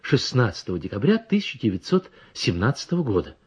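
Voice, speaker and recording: A man narrating an audiobook in a measured, expressive storytelling manner. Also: medium pitch, breathy edge. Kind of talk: audiobook reading. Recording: dull lo-fi recording.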